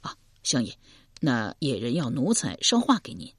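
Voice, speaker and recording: A woman's voice: a bass voice, very animated, moderate pace, husky, dry recording, clean studio sound, full character voice. A woman voicing a cheeky, uneducated male house servant who talks brashly and hurriedly. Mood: fumbling.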